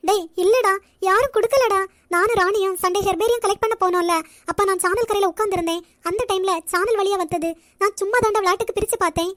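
A woman plays a sensitive young college woman in a cartoon who pleads her innocence in a very high voice. Her talk is anxious and earnest. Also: animated, a little fast. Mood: pleading.

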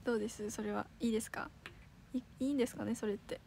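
A woman's voice: on the high side, fairly even intonation, creaky, warm tone, a little hiss or hum. Chatty teenage girl with a Kansai accent. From Osaka, Japan. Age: teens. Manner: chatty, giggly, quick self-corrections. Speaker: idol livestream host. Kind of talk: casual livestream chat reading comments.

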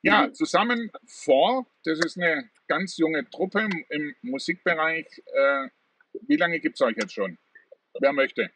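Chatty middle-aged interview host, slightly high. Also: male voice, lively intonation, slow pace, sharp tone, distant mic, slight background noise, poor audio. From southern Germany. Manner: chatty, many fillers. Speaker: talk show host. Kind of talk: video call interview. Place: room at home with plants. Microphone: video call.

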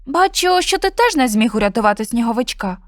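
A woman doing an anxious, high-pitched ginger tomcat. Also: wildly swooping pitch, quick pace, bright, forceful tone, no echo, clean studio sound, heavily acted. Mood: sad. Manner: anxious, pleading. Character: kind worried ginger tomcat.

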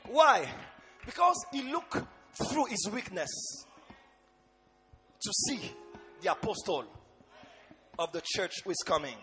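A man's voice: sits high, very animated, slow pace, pauses often. Fiery preacher guy, voice swoops all over, emphatic sermon with music behind. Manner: impassioned, emphatic, repeating phrases with shouted calls to the congregation. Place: large church hall, on and before a stage. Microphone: handheld microphone.

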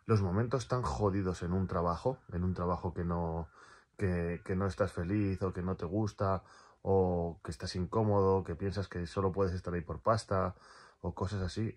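Low-voiced rambling man. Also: slightly rough. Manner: rambling, repeats words, swears casually. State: in pain from a torn calf. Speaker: vlogger. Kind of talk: casual personal vlog.

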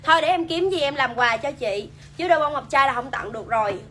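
A woman's voice: sits high, lively intonation, quick pace, bright, forceful tone. A young woman with a southern Vietnamese accent selling clothes on a livestream in an insistent, repetitive hard-sell manner, addressing viewers directly. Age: young adult. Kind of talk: live hard-sell shopping pitch. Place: small clothing shop, indoors. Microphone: phone at arm's length or on stand.

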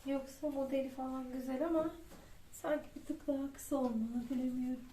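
A woman's voice: high-pitched, fairly even intonation, brisk, dark tone. A woman vlogging a casual clothing try-on, chatty and thinking aloud as she weighs each piece. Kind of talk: casual try-on haul vlog. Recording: echoey room with faint noise.

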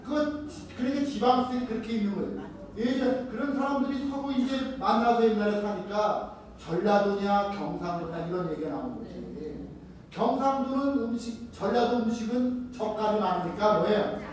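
High-voiced priest lecturing in an echoing hall. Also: male voice, moderate pace, darkish tone, distant mic, a little hiss or hum. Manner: asks the audience questions and answers them himself. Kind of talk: retreat lecture to a live audience. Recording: very echoey hall, recorded from afar.

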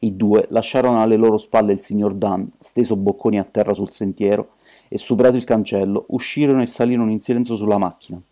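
A man reads an amateur audiobook with steady, measured delivery. His voice sits low. The tone is dark and mellow. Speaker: audiobook narrator.

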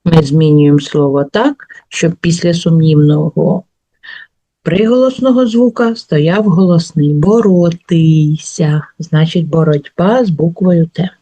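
A middle-aged woman teacher giving a workbook lesson to schoolchildren, reading out example words slowly and carefully. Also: low-pitched, dark tone, dry recording. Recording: dull, lo-fi recording.

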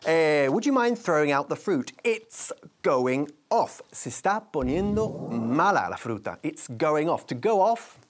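A man's voice: fairly high pitch, big pitch swings. Male English teacher. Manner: explanatory, drills pronunciation, repeats words slowly. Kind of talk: TV language lesson.

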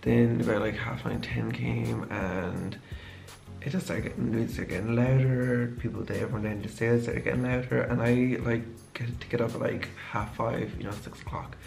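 A man's voice: mid-range voice, steady tone, moderate pace, vocal fry, a little mellow, soft background music. A tired young man, a design student, rambling casually through a story from his home kitchen, with lots of "like". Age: young adult. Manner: rambling, heavy use of "like". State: tired from lack of sleep.

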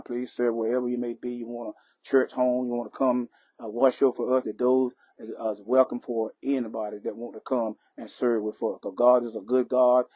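A man's voice: mid-range voice, no echo. A middle-aged man with a Southern US accent, a pastor preaching an impromptu sermon outdoors on a church porch. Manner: builds from quiet speech to fervent preaching.

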